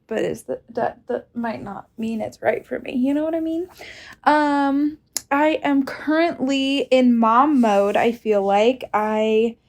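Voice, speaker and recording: Brief: woman in her thirties, slightly high pitch, slow and laid-back, casual co-host. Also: darkish tone. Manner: casual, filler-heavy talk. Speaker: podcast co-host, makeup entrepreneur. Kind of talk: casual podcast chat.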